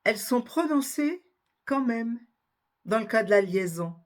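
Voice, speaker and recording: A woman giving a spelling and pronunciation lesson, slowly spelling out letters and examples one by one. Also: a little high, expressive. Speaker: French teacher.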